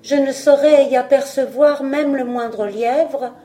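A woman's voice: high-pitched, steady tone, slow, mellow, soft background music, pitched above the performer's own voice. A woman voicing a proud young fir tree who muses wistfully about his past. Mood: musing. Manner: wistful, self-assured musing.

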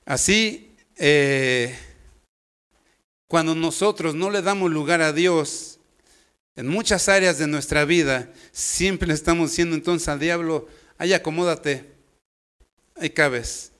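Preacher guy, slow and easygoing, jokes around, smooth clear voice. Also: fairly high pitch, fairly bright tone. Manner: homely, joking, storytelling. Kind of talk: informal sermon.

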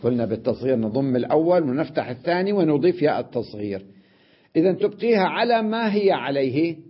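Husky-voiced male sheikh teaching grammar. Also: fairly high pitch, sing-song, quick pace. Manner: explains step by step, often checks with "right?". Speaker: Islamic scholar teaching grammar. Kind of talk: classroom lesson on Arabic morphology. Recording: dull lo-fi recording.

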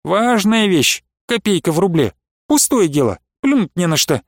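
A man's voice: sits high, big pitch swings, moderate pace, no room sound, clean studio sound. A man voicing a wily older merchant who haggles, pleads and blusters. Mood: wheedling. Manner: bargaining, pleading, bursts of shouting.

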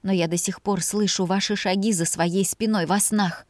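A woman's voice: mid-range voice, steady tone, normal speed, dry recording, studio quality, lightly acted. A woman voicing an anguished young woman who sobs as she hurls accusations. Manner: sobbing, accusing.

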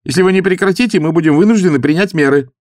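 A man voicing a young ship's officer who speaks loudly and officiously. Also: on the high side, racing, dry recording, studio quality, voice pushed up, close to an everyday voice. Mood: pompous. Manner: loud, officious, then flustered.

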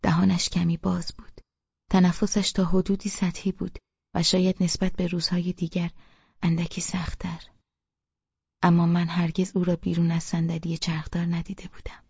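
Hushed, husky woman narrating a novel. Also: on the low side, monotone, no echo, highs cut off. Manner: hushed, half-whispered reading. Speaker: audiobook narrator. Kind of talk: first-person novel narration.

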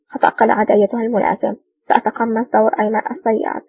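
A woman's voice: on the high side, little pitch movement, very fast, close to an everyday voice. A woman reading the part of a confident, self-assured male army officer, in a dull, distant recording.

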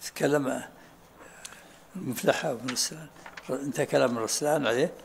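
A man teaching a study circle as sheikh, explaining texts at an unhurried pace and often asking students to repeat what they said. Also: medium pitch, creaky, slight background noise. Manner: unhurried, often asks "ha?" to have things repeated. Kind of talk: lesson commentary with questions and answers.

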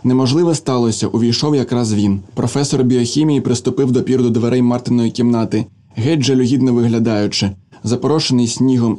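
A man narrating a literary novel as an audiobook, in a steady, even manner. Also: medium pitch.

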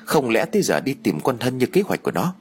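A man voicing a fussy, quick-tempered village mother who wails and scolds. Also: mid-range voice, huge pitch swings. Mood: puzzled. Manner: scolding, wailing, cursing.

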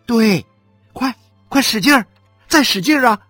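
A woman voicing a brisk, matter-of-fact midwife urging a mother to push in an audiobook. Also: fairly high pitch, animated, fairly bright tone, no echo, soft background music, voice pushed up. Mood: brusque urging. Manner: curt, urging, no-nonsense.

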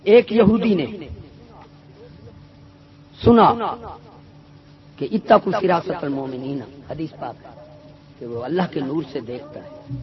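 A man preaching a sermon full of stories, emphatic and swinging between loud and soft. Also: a little high, pauses often. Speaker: Sufi preacher. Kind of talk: sermon with storytelling. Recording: dull lo-fi recording with a loud crowd.

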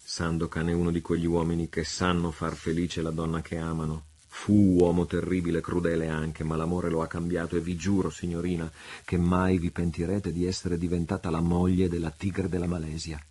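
A man playing a bold, loyal male adventurer who speaks in a calm, grave and measured way in an audiobook reading. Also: deep voice. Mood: grave reassurance.

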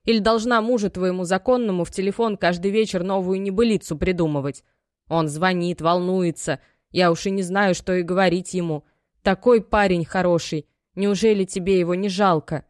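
A woman's voice: on the low side, normal speed, no room sound, studio quality, lightly acted. A woman voicing an aging, worried mother who scolds and pleads in homely, folksy speech. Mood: pleading. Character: aging worried mother, stern yet loving.

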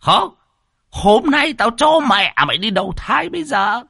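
Guy doing a hot-headed old master screaming threats, way high and shrill, dry sound. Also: big pitch swings, moderate pace, creaky, breathy edge, dry recording, exaggerated voice. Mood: furious shouting. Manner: yelling curses and threats. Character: hot-tempered old male martial master, shouting.

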